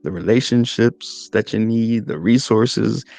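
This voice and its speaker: A man's voice: lowish voice, a little slow, creaky, a little mellow, soft background music. A man in his forties hosting a podcast, giving a motivational faith talk and often checking in with "right?" as he builds lists. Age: 40s. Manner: repeats "right?" and stacks lists in threes. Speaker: podcast host and minister.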